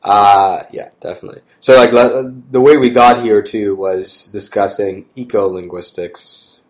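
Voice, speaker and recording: Canadian guy, lowish voice, joking around on a podcast, gets animated making points. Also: unhurried. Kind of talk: casual chat.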